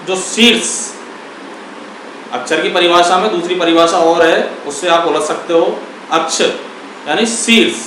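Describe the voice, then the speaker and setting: A man teaching a grammar lesson, asking questions and answering them himself, repeating key words and sounding out syllables slowly. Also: sits high, fairly bright tone, heavy reverb, distant mic, slight background noise, poor audio. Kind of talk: classroom lesson.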